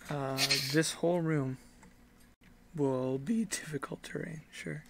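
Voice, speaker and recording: A man running a tabletop game as game master, improvising casual narration in a halting, hesitant way. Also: a little high, fairly even intonation, gravelly.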